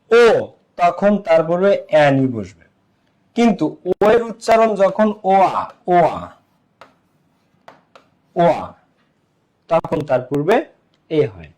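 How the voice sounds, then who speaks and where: A man's voice: high voice, a little mellow. A man teaching English grammar in an online lesson, speaking. He explains patiently, repeats each sound several times and keeps checking whether students follow.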